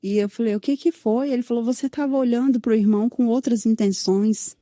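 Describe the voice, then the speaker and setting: Brief: São Paulo woman, higher-pitched but mellow tone, close and dry mic, telling her own testimony. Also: fairly even intonation, fairly quick, dry recording. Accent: Brazilian Portuguese, São Paulo. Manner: recounts with many "né?" tags and quoted dialogue. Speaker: guest sharing her testimony. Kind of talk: emotional personal testimony.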